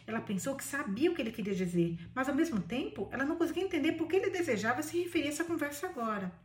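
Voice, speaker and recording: A woman's voice: high-pitched, lively intonation, very fast, recorded from a distance. Brazilian woman reading a novel aloud, echoey room. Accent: Brazilian Portuguese. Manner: gushing asides to listeners. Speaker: book club reader.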